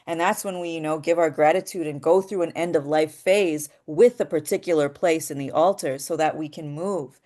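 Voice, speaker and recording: Thoughtful low-voiced woman teaching. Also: moderate pace, few pauses, mellow. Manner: explanatory and thoughtful, with frequent "um" and "right?". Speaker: voice acting teacher. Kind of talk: casual spoken lesson.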